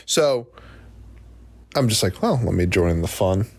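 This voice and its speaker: A man's voice: lowish voice, a little slow, slightly rough. A man in his twenties from New Jersey, telling a comic story on a podcast and acting out the people in it. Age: 20s. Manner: animated, acts out quoted voices. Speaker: podcast host. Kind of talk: comedic storytelling.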